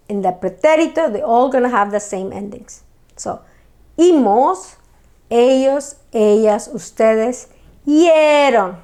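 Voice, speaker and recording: A woman teaching a language lesson, saying words slowly and repeating them clearly for learners. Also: a little high, a little mellow. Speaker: Spanish teacher. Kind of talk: slow, deliberate language lesson.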